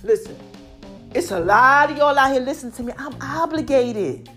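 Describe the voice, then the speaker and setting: An animated American woman in her forties with a high, swooping voice, slightly affected by allergies. She delivers a casual, hype monologue straight to her followers, stressing and repeating her phrases, with faint music behind her. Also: moderate pace. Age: 40s. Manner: hype, emphatic, repeats catchphrases and checks in with "okay?". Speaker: online motivational host selling her own fitness line. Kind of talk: casual direct-to-audience monologue.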